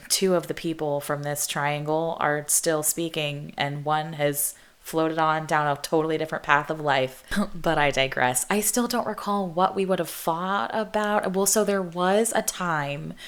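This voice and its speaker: A woman's voice: deep voice, a bit bright. A young woman hosting a podcast, telling a story from her teens in a rambling way, full of "like" and "um", with frequent laughs. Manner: rambling, self-interrupting, laughs between thoughts; heavy use of "like" and "um". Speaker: podcast host. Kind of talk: casual storytelling monologue.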